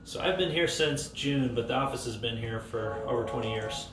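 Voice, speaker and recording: A young man from Idaho who is a dentist, answering interview questions in a friendly, relaxed way inside a small dental office. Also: medium pitch, moderate pace, music in the background. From Idaho, United States. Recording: echoey room, mic at a distance.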